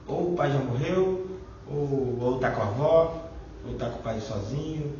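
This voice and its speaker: A man's voice: mid-range voice, unhurried, mellow, slight background noise. A middle-aged man with a Brazilian Portuguese accent sharing a rambling, informal testimony at a Bible study, full of fillers. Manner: chatty, rambling, fillers like "né" and "e tal". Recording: echoey, distant, dull lo-fi room recording.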